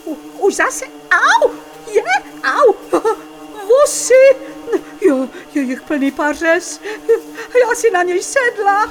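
A woman's voice: extremely high pitch, expressive, over music. A woman voicing a cheerful little girl lost in the woods, chatting to herself in a puppet radio play. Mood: stung, panicked. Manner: chatty, talks to herself aloud.

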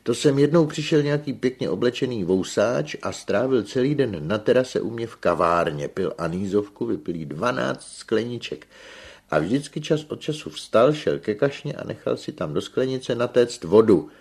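A man reading aloud and voicing an excitable, chatty male village café owner who tells his story loudly and eagerly. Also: medium pitch, husky, voice pushed up. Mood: excited.

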